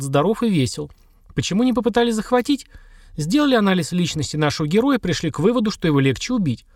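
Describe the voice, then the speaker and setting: A man's voice: a little high, no room sound, close to an everyday voice. A man reading an audiobook and voicing a woman agent who lays out her reasoning in a dry, sardonic way. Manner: dry, sardonic, matter-of-fact. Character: sharp-tongued young woman agent, wry and cool.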